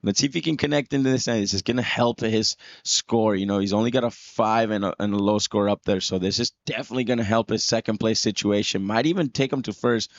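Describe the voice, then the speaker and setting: A man's voice: lowish voice, steady tone, brisk, few pauses, no room sound, dull audio. A man giving live surf contest commentary in a laid-back surfer manner.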